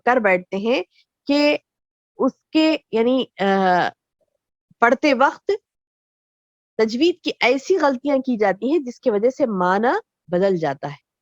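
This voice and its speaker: A woman religious teacher giving a lecture to women, explaining slowly with repeated phrases and rhetorical questions. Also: fairly high pitch, animated, no room sound, highs cut off.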